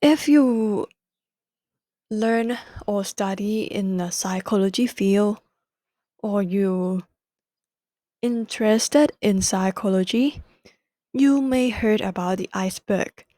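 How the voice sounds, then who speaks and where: A young Thai-accented woman hosts a solo podcast, carefully explaining a book in non-native English and correcting herself along the way. Her mid-range voice is warm and slow, with long pauses, in a dry recording.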